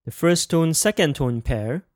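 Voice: mid-range voice, lively intonation, measured pace, no echo, studio quality. A language teacher practicing Mandarin tones in a drill, carefully enunciating each word and spelling out syllables letter by letter.

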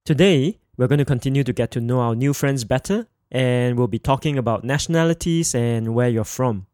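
Guy teaching a podcast lesson, slow careful repeats, mid voice, dry close mic. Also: mid-range voice, darkish tone, dry recording. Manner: slow, clear, repeats words for learners. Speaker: Mandarin teacher.

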